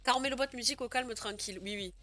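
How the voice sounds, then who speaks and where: A young woman chats loosely with her stream audience, laughing easily and stumbling through fillers as she goes. Her voice sits a little high and rings bright and forward. Faint music plays quietly underneath. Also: very fast. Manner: chatty, giggly, many fillers. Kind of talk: casual live stream chat.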